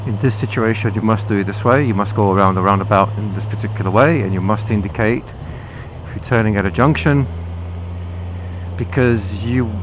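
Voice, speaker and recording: A man's voice: lowish voice, a little fast. A British man vlogging casually and explaining things as he rides, his voice recorded inside a motorcycle helmet. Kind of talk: casual explanatory vlog talk while riding. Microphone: microphone inside the helmet. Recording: clear engine, wind and traffic noise.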